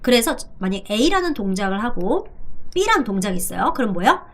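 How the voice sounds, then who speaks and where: A middle-aged woman teaching a language in a video lesson, repeating phrases slowly for drilling with playful asides, a native Korean speaker. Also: a little high, very animated, fairly bright tone.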